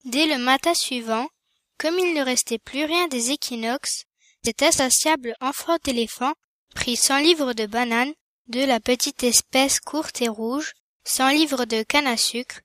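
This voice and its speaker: Woman storyteller, measured expressive reading, fairly high voice, dry close sound. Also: no echo. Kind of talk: reading a children's tale aloud.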